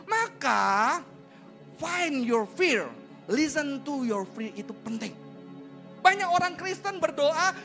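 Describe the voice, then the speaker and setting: A man preaching a sermon in a lively, conversational way, tossing rhetorical questions and casual slang at the congregation. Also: extremely high pitch. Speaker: pastor.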